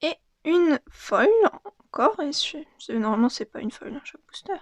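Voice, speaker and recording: A young woman casually opening and commenting on trading cards, reading them out in a soft, murmured voice that often drops to a half-whisper. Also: sits high, sing-song, normal speed, no room sound, studio quality. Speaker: card unboxing vlogger.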